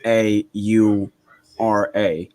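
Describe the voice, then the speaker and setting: A man's voice: lowish voice, flat delivery, very slow, dark tone, no room sound, low-quality recording. A man chatting as a guest on a livestream, hesitant, with lots of ums and repetition. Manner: hesitant, repeats himself. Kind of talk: casual group chat.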